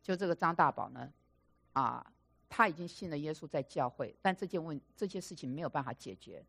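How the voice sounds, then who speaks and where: A woman delivers a sermon as a string of stories, her voice sitting a little low. She repeats key phrases for emphasis and slips into the voices of the people she describes. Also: brisk, creaky, breathy edge. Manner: animated storyteller, acting out quoted dialogue. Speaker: preacher. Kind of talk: storytelling sermon.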